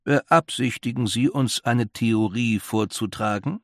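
A man's voice: mid-range voice, unhurried, dry recording, lightly acted. A man voicing a dry, cautious, skeptical older male council member.

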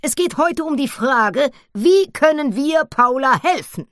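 A woman voicing a bossy, excitable old jungle grandmother who scolds loudly. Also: measured pace, no echo, studio quality. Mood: commanding. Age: older. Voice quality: high, shouting, scolding.

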